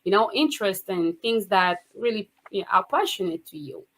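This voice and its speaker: A woman's voice: mid-range voice, animated, normal speed, a bit bright. A woman hosting a faith-based online interview, with an effusive, exclamatory and upbeat manner. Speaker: host.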